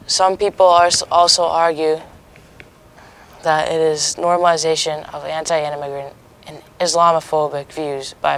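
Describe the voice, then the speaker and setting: Young student co-anchor with a medium-pitched voice. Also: fairly bright tone, clear, resonant tone. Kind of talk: scripted mock newscast reading.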